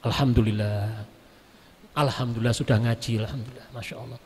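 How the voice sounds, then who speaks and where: A man's voice: mid-range voice, fairly quick. A male preacher giving a storytelling sermon, mixing words into his speech. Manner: mixes Javanese words into Indonesian, lively storytelling. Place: main prayer hall of a large mosque. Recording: long echo of a large prayer hall.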